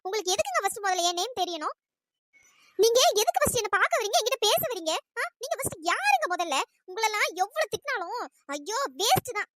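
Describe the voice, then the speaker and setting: A squeaky, bright cartoon college girl, rapid-fire scolding, fiery temper, dry close mic. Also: very animated, a little hiss or hum, heavily acted. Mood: annoyed scolding. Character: fiery young female college student. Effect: pitch-raised voice. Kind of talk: cartoon voice acting.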